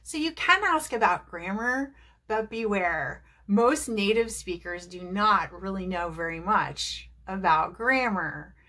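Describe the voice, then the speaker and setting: In a to-camera video lesson, a New Jersey English teacher shares tips in a warm, chatty style, encouraging viewers and posing rhetorical questions. Her medium-pitched voice is expressive, bright and forceful, delivered at a slow pace.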